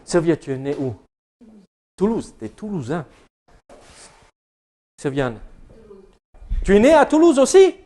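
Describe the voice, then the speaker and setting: A man with an English-speaking accent preaches a church sermon with a rather high voice. He speaks slowly, with frequent hesitations, and jokes and chats with the people in the congregation. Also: wildly swooping pitch, dark tone. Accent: English-speaking accent in French. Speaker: pastor. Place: church service.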